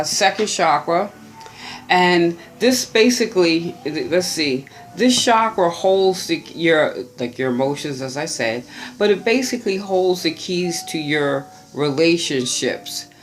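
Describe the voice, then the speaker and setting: A tarot reader giving a gentle, unhurried birthday reading to viewers, musing aloud and restarting phrases. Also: mid-range voice.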